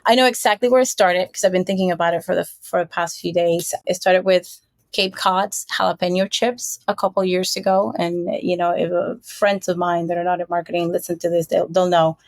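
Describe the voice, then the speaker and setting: A woman's voice: on the low side, fairly even intonation, brisk, dry recording. Chatty marketing executive woman from Puerto Rico. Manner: chatty, storytelling, frequent fillers. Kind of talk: casual interview.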